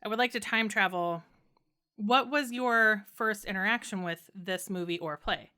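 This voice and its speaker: A woman's voice: mid-range voice, normal speed, pushed and bright, clean tone. A woman hosting a podcast, asking questions and giving short encouraging replies in casual conversation. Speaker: podcast host.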